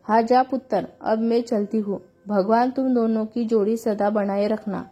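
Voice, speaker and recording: A chatty older aunty, fussing and affectionate as she lectures a young woman, voiced by a female storyteller. The voice sits a little high, with a mellow, husky edge, in a storybook reading. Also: fairly even intonation, measured pace. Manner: affectionate, scolding like an elder. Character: chatty older Sikh aunty, blessing, meddling.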